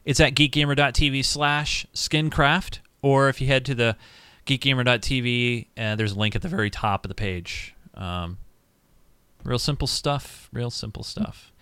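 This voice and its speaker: A man's voice: mid-range voice, moderate pace, pushed and bright, smooth, no echo. A man co-hosting a casual podcast, reading listener emails in an upbeat way and handing the next one over to his partner. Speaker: podcast co-host.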